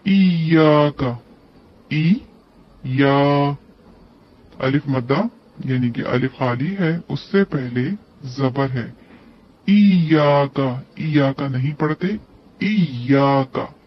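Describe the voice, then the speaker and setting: A male tajweed teacher who talks very slowly and deliberately, sounding out letters one by one. His voice sits a little high, and he lengthens the recited syllables. The recording is dull and lo-fi. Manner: spells out letters and stretches recited words. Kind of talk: slow tajweed lesson, recitation and explanation.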